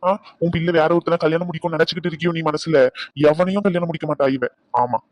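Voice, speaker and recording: An outspoken young nephew from a cartoon family drama, voiced by a man. He scolds in a quick, insistent voice. The recording is dry and close. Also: on the high side, fairly even intonation, darkish tone, dry recording, natural voice. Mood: scolding.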